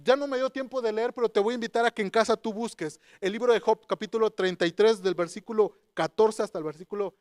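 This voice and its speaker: Man, preacher, high voice, dry close sound. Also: fast talker, hardly any pauses, a little mellow, no room sound. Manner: storytelling, rhetorical questions to listeners. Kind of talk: sermon with personal story.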